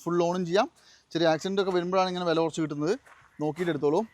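A man's voice: high voice, steady tone, very fast, a little mellow. A man with a Kerala Malayalam accent hosting a casual car vlog, mixing English words in and repeating answers back as questions. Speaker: vlog host interviewing a used-car dealer.

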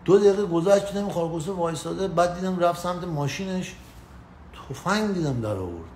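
A man's voice: high voice, lively intonation, darkish tone. A man casually telling a story on a live stream, slangy and swearing, greeting viewers by name. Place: indoors in the US. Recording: echoey room with faint ambient noise.

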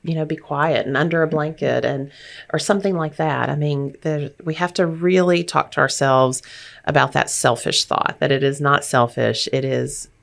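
Low-voiced woman, a grief counselor. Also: steady tone, moderate pace, vocal fry. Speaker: grief counselor, podcast host. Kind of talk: conversational podcast discussion.

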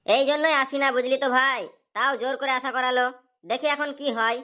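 A woman's voice: high voice, steady tone, fairly quick, bright, forceful tone. A woman voicing an anxious young man, a farmer's son, in a cartoon. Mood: worried. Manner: anxious and complaining.

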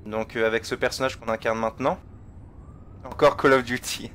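A man's voice: mid-range voice, fairly even intonation, moderate pace, fairly bright tone, slight background noise. A man giving casual let's-play commentary, chatting with viewers and trailing off mid-sentence. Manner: chatty, talks to viewers and chat, laughs, trails off. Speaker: gamer.

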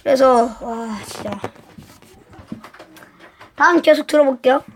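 High-voiced woman trying not to laugh. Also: unhurried, slight background noise. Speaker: reaction video host. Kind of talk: casual reaction commentary.

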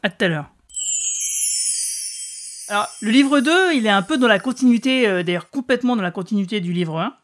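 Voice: medium pitch, fairly quick, long pauses, soft background music. Chatty podcast host. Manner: relaxed, chatty with fillers. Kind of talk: casual podcast chat.

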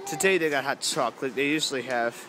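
A man's voice: medium pitch, quick pace. A young man narrating a casual walk through a zoo light show at night, rambling and easily amused, recorded on a handheld camera. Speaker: vlogger. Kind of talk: casual walking commentary. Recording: noisy crowded outdoor camera audio. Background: crowd chatter and outdoor noise.

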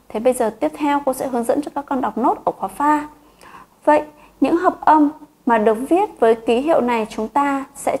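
A woman piano teacher with a Vietnamese accent, gently guiding children through a lesson and slowly counting beats and calling note names. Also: high-pitched. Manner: gentle, patient, addresses children.

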